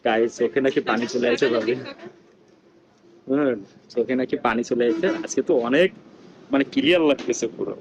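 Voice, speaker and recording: A man vlogging with a rural Bangladeshi Bengali accent, keeping his voice low and hushed as he talks to viewers during an eating challenge in a village. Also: a little fast, pauses often, dull audio, background noise. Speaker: vlogger host. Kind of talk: casual vlog commentary. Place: village house outdoors.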